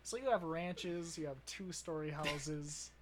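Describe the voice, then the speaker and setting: A man's voice: a little high, a little slow, a little hiss or hum. A young man with a Wisconsin accent, co-hosting a podcast in casual chat, rambling and laughing often. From Wisconsin, USA. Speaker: podcast co-host.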